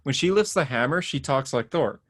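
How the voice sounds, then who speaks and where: A man's voice: mid-range voice, expressive, brisk, no echo, clean studio sound. A man co-hosting a podcast, chatting casually about comic-book news, rambling a bit and laughing often. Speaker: podcast co-host.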